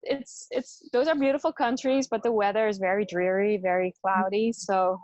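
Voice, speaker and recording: A woman's voice: medium pitch, fairly even intonation, normal speed, darkish tone, dry recording, muffled recording. A woman from the Netherlands, a yoga teacher, chatting casually as an interview guest and laughing often.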